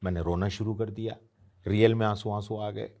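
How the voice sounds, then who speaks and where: A man's voice: lowish voice, steady tone, normal speed, warm tone. A man in his fifties, an interview guest, telling an anecdote and acting out the voices of the people he quotes. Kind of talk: storytelling anecdote.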